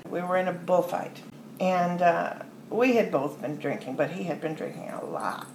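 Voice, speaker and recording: An older American woman, a podcast interview guest, telling long rambling stories with soft trailing asides. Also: lowish voice, moderate pace, vocal fry. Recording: roomy echo with faint ambient noise.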